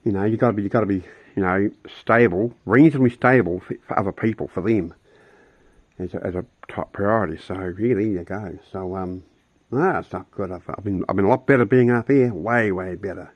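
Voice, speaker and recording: A man's voice: fairly low pitch, fairly quick, dry recording, lo-fi sound. An older man, chatting blunt and rambling to camera outdoors on his rural property. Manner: rambling, blunt, with many restarts. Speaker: vlogger. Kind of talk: casual chat to camera.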